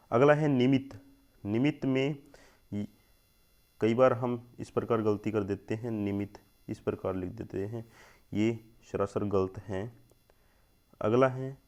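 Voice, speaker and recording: With a medium-pitched, somewhat dark voice, a young man teaches Hindi grammar, covering spelling for an exam. He handles one word at a time, says each several times over, and regularly asks his listeners "thik hai doston."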